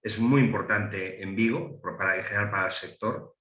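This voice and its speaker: Speaking at a moderate pace with a fairly low pitch and fairly bright tone, a middle-aged Galician economist talks on a panel, hesitant and full of fillers and restarts. His accent is Galician Spanish, from Galicia, Spain. The sound is lo-fi with a roomy echo.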